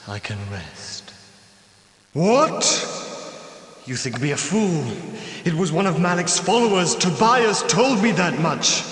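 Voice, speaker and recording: An actor voicing the ghost of a young murdered knight in a video game, pleading and tormented, with theatrical delivery. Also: male voice, mid-range voice, a bit bright, natural voice. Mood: relieved, weary, then indignant. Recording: echoey hall with long reverb.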